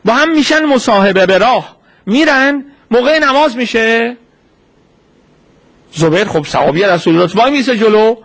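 A man giving a sermon as a story, posing rhetorical questions and answering them himself. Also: very high-pitched. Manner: acts out quoted speech in a lively retelling. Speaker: preacher.

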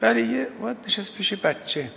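Gravelly older man preaching in a hall. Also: sits high, animated, slight background noise. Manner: emphatic storytelling, repeats key phrases, swings between loud and hushed. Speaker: religious teacher. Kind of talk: sermon explaining a prayer. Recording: dull lo-fi recording with long hall reverb.

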